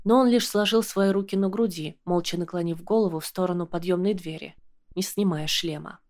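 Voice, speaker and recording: A woman narrates an audiobook in the first person. Her reading is calm and measured, an even storytelling voice. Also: lowish voice.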